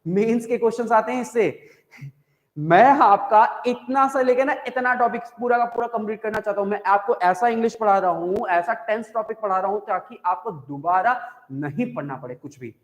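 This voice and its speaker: A man's voice: high voice, moderate pace. A man with an Indian accent teaching English grammar in a live online class, explaining by repeating points and asking the class questions. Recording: echoey room with long reverb.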